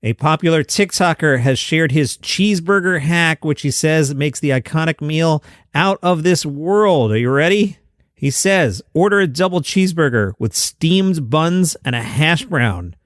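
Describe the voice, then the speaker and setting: A man's voice: on the high side, animated, measured pace, dry recording, studio quality. A man hosting a good news roundup, reading stories with chatty, jokey asides. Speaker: host.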